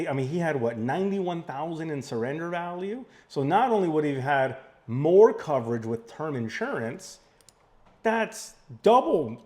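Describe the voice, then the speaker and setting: A man hosting as a financial advisor, speaking emphatically and informally, pressing points and repeating figures to be clear. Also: a little high, a little mellow. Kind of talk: probing questioning on a call and explainer to viewers.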